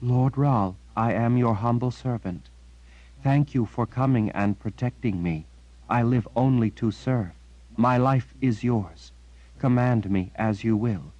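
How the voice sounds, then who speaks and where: A timid young priestess girl, as a male narrator puts her on, her voice raised high and quavering. She speaks humbly and devotedly, in an audiobook voice. The recording is dry and a little dull. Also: expressive, moderate pace, a little mellow, dry recording, natural voice. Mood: tremulous, devoted.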